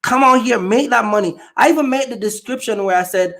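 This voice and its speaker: The host is a man from Jamaica with an extremely high-pitched, fairly bright voice, speaking fairly quickly in a Jamaican accent. On his casual podcast chat he's blunt and emphatic, going over the same points again and again.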